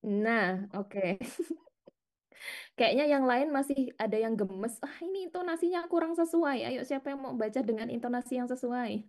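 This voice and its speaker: With a fairly high voice at a normal pace, a middle-aged woman teaches an interactive class. She is chatty and animated, coaxes her students into answering, and laughs a lot.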